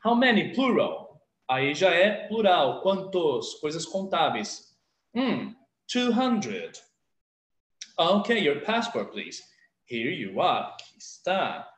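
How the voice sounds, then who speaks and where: A man with a fairly high voice that rises and falls a lot, teaching an English class. He reads practice dialogues and explains words slowly and patiently, recorded in an echoey room. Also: very animated, a bit bright. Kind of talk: online video lesson.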